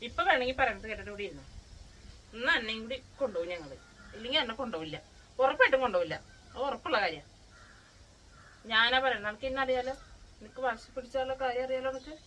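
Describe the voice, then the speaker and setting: Woman, home pet vlogger; bright voice, coaxing, playfully scolding tone. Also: fairly high pitch, animated, very fast, pauses often, slight background noise, rough recording. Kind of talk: casual home vlog, talking to a pet.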